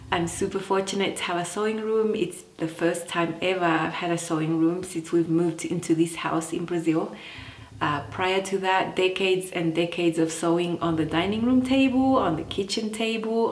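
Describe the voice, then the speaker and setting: Woman from Chile, chatty sewing vlogger, lowish voice, echoey home room. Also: steady tone, normal speed, a little hiss or hum. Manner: chatty, laughs often between points. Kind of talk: casual chat to camera.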